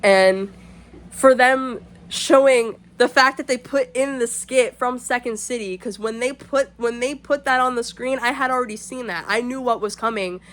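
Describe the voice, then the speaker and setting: A woman vlogging at home in casual chat, rambling and excitable, swearing freely, sometimes dropping to a shaky whisper. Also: a little high, normal speed. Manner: whispering to keep quiet. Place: home, indoors.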